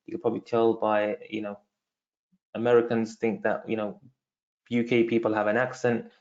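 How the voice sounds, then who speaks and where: Speaking at a moderate pace in a low-leaning, level voice that's creaky and a little mellow, this Londoner runs a live webinar on sales and online marketing. He's relaxed, full of fillers, and addresses his audience as "guys," with a London accent. The recording sounds muffled.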